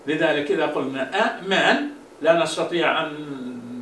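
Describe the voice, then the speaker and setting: A man teaching a bilingual grammar lesson. He says each English phrase slowly and more than once, then explains it in quicker Arabic with drawn-out fillers and restarts. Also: a little high, a bit bright. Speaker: language teacher. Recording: roomy, from a distance, faint hum.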